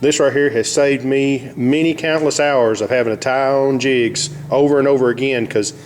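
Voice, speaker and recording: A man's voice: medium pitch, steady tone, moderate pace. Folksy man with an Arkansas Southern accent. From Arkansas, United States. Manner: folksy, plain-spoken. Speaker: fishing show host. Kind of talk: casual how-to demonstration.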